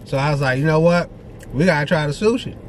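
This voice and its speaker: A man's voice: fairly high pitch, fast, slight background noise. A man co-hosting a food vlog, chatting casually and easygoing about the food and the spot. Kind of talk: casual food review chat.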